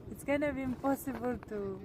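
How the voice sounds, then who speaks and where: A woman's voice: high voice, a little fast, background noise. A woman live streaming, chatting casually and giggling as she talks to her viewers while traveling. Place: outdoors, traveling.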